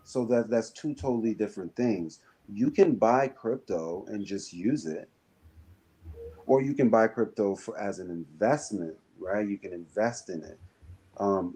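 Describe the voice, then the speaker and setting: A man with a very low, dark, mellow voice talks in a relaxed podcast chat. He hedges a lot, full of ums and restarts, and picks up pace and pitch when he pushes back. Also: husky, rough recording. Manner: hesitant, many fillers and restarts; rises and speeds up when pushing back. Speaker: podcast co-host. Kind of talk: casual discussion.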